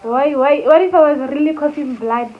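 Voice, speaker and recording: A woman's voice: sits high, normal speed. A young woman hosting a casual prank vlog, talking playfully and mixing in local words. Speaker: vlogger. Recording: tinny phone-like audio with faint noise.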